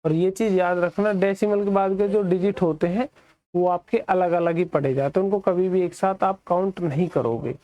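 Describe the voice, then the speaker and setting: A man's voice: fairly even intonation, normal speed, highs cut off. Indian man teaching maths, quizzing. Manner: asks questions and answers them for the students; drops lower and softer on the students' replies. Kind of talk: classroom maths lesson.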